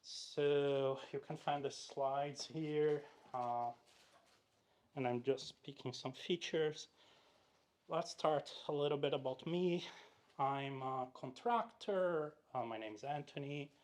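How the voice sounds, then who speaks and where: A conference speaker from Brazil, his voice on the high side, slow and a little mellow, chats through a technical talk in a meetup room. He restarts often, uses plenty of fillers, and frequently quizzes the live audience.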